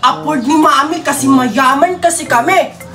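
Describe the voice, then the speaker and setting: A woman voicing a spoiled, boastful young girl in a cartoon, whiny and shouty. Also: sits high, normal speed, faint music behind. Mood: proud. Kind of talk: cartoon voice acting.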